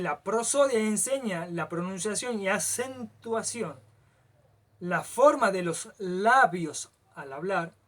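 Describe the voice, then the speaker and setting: A man's voice: high-pitched, fairly bright tone. Man lecturing with constant checks. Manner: checks understanding with frequent "¿sí?", stretches some words slowly. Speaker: teacher.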